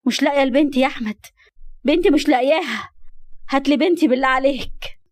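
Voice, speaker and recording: A woman's voice: on the high side, fairly quick, darkish tone, natural voice. A woman voicing a frantic, wailing mother desperate for her lost daughter, with an Egyptian accent. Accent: Egyptian Arabic.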